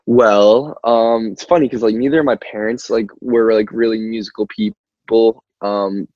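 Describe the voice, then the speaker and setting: Speaking unhurriedly on the low side with fairly even intonation and a slightly mellow tone, a young American man from Albany, New York, guests on an interview as a band singer. He rambles casually, scattering "like" and "you know," and laughs readily. The sound is muffled and call-like, with a roomy quality.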